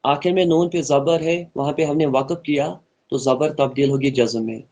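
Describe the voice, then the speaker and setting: A man's voice: on the high side, steady tone, darkish tone. Earnest man teaching Quran recitation. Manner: earnest, repeats points and models slow melodic recitation. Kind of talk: online tajweed lesson, explaining and slowly reciting.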